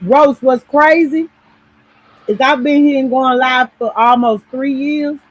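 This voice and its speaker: A woman's voice: high-pitched, fairly even intonation, measured pace. A woman hosting a live stream in casual chat, talking bluntly with plenty of swearing and teasing. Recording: noisy stream audio.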